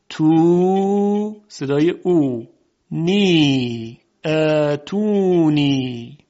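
A man teaching a formal lesson, politely explaining and slowly drawing out example sounds. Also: on the high side, darkish tone. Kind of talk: lecture on Arabic phonetics. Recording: dull lo-fi recording.

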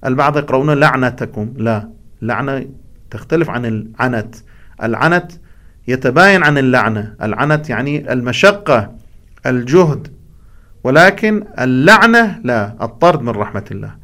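A man's voice: medium pitch, lively intonation, moderate pace, fairly bright tone. A man teaching the rules of scripture recitation, explaining each point and breaking off to chant short examples.

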